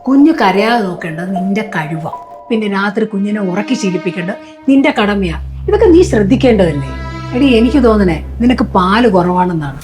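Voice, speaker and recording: A woman's voice: mid-range voice, lively intonation, a little fast, darkish tone, soft background music, lightly acted. An actress in a short film drama, playing a scolding, domineering middle-aged mother-in-law. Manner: scolding, nagging.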